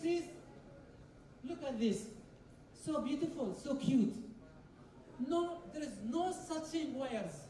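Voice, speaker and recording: A woman from Kuwait delivers a technical conference lecture step by step, repeating phrases and putting questions to the audience. Her voice is high-pitched and mellow. The recording has slight background noise and comes from a distant mic in an echoey hall.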